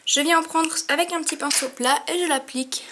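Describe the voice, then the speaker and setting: In front of her mirror at home, a young vlogger with a sniffly cold delivers a chatty makeup tutorial packed with fillers. She talks fairly quickly in a high voice with a sharp tone, over a little hiss or hum.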